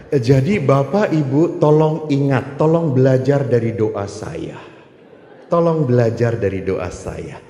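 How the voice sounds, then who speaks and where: A priest delivering a sermon, telling stories and acting out both sides of the dialogue. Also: male voice, mid-range voice, lively intonation, a little slow, warm tone, slight background noise. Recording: echoey hall recording.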